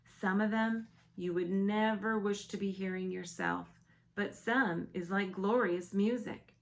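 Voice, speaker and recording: Lady doing a gentle big-eared giant, mixed-up grammar, slow and gravelly. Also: mid-range voice, fairly even intonation, natural voice. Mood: hushed. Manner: ungrammatical, earnest, mixed-up words.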